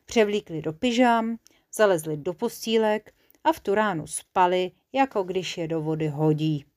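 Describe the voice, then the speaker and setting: A woman narrating a children's bedtime story in a calm, clear storytelling manner. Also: lowish voice, no echo, studio quality.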